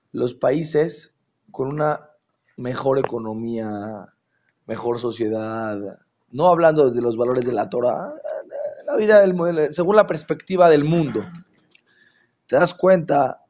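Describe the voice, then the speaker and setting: A religious teacher gives a Torah class in an animated, rhetorical style, often checking that his listeners are following. His voice is medium-pitched with a breathy edge, and the recording is muffled.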